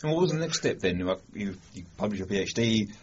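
A man hosts a science interview, pausing and restarting as he shapes his questions. His voice is lowish and husky. The sound is dull and lo-fi. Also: lively intonation. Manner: halting, searching for words. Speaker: podcast interviewer. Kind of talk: conversational interview.

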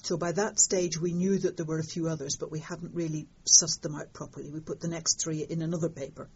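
Older woman, low husky voice, wry and animated storyteller, lo-fi interview. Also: fairly quick. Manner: lively storytelling, fond of understatement. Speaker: interviewed astronomer. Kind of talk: conversational interview. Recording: dull lo-fi sound.

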